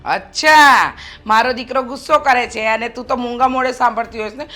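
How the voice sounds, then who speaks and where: A woman's voice: fairly high pitch, brisk, bright, forceful tone, faint music behind. An actress playing a stern, domineering middle-aged mother-in-law in a family drama, talking in a scolding, commanding way. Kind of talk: acted family drama dialogue.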